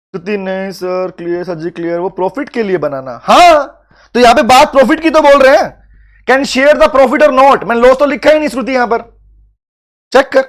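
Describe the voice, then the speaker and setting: High-voiced lively law teacher. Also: male voice, normal speed. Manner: lively, teasing, calls on students by name; repeats phrases for emphasis. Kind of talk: live online class.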